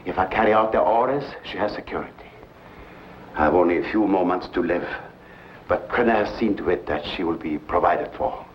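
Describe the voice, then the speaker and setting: Vintage film role: grave refugee scientist, played by a man, low voice, formal and pleading, muffled noisy soundtrack. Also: fairly quick, natural voice. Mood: grave, sorrowful. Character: sorrowful, captive refugee scientist, dying, resigned father. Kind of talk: vintage B-movie film acting.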